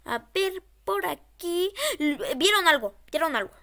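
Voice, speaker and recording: A woman's voice: very high voice, lively intonation, a little slow, vocal fry, sharp tone. A woman horror game streamer giving casual, scared gameplay commentary, nervously repeating short phrases.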